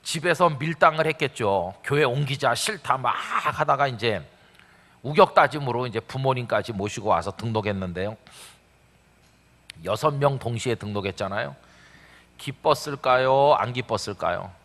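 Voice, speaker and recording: A man's voice: mid-range voice, expressive, normal speed, fairly bright tone. A middle-aged man preaching a revival sermon, telling stories with acted-out quotes and rhetorical questions. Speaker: pastor. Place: large church sanctuary. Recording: long church hall reverb.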